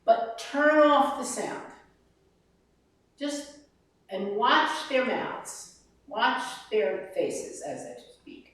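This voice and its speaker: Woman vocal coach, slow and bouncy, sings little examples, mic far back in a big echoey room. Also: a little high. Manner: animated, demonstrates sounds and sung lines. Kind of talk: master class teaching. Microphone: distant room mic.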